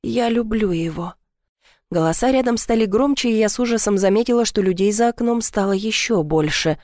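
A woman's voice: medium pitch, fast talker, a little mellow, no room sound, clean studio sound. Woman narrating a romance audiobook. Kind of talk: scripted first-person romance narration.

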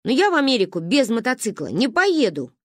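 A woman's voice: a little high, wildly swooping pitch, brisk, no echo, clean studio sound. A woman reading a story aloud and voicing a matter-of-fact, know-it-all little girl.

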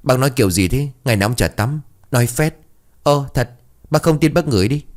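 A man putting on a whiny, excitable young sidekick. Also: fairly quick, natural voice. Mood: excited. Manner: whiny, excitable, high-pitched. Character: dim, cheeky young male sidekick.

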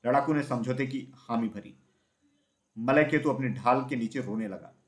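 A man narrating a children's storybook in a steady, even reading voice. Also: medium pitch, normal speed.

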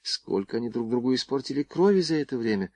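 A man's voice: mid-range voice, lively intonation, normal speed, dry recording, close to an everyday voice. A man reading the lines of a curious, easygoing young ensign.

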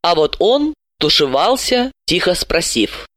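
A woman narrating an audiobook with expressive, ironic storytelling. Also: lowish voice, a little slow, no room sound, clean studio sound. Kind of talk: scripted narration.

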